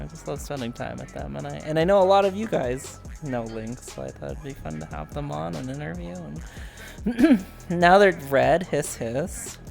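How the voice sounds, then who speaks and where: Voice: mid-range voice, creaky, a little mellow. A podcast host in casual interview chat on a stream, chatty, joking and rambling.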